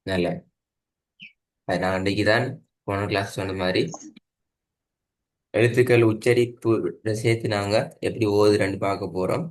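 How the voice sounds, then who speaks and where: A man's voice: lowish voice, fairly even intonation, moderate pace, pauses often. A man teaching Quran recitation in a one-on-one online lesson, patiently repeating points and checking understanding. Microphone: video call.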